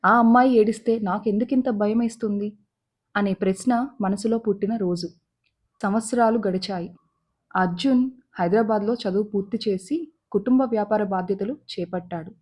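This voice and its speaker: A woman storyteller reading a scripted love story in a calm, measured way. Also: mid-range voice.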